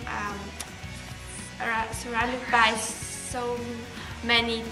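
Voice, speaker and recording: Speaking very slowly with a creaky, level voice that sits on the high side, a teenage girl from Belarus answers interview questions in English. She is an exchange student whose native language is Russian, and she often restarts and uses fillers. Music can be heard behind her in an echoey space.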